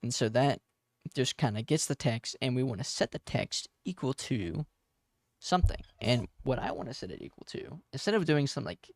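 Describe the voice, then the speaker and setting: A man's voice: medium pitch, expressive, moderate pace, dry recording, studio quality. A man of twenty talking through his game code in a casual, rambling way, full of fillers and self-corrections. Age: 20s. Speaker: game dev tutorial host. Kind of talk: casual coding tutorial with storytelling.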